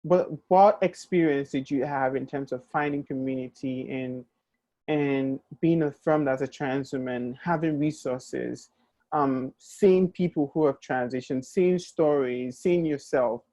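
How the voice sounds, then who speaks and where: A woman's voice: a bass voice, measured pace, warm tone, dry recording. A woman from Nigeria hosting a conversational interview, asking questions in a friendly, curious way with many ums. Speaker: host.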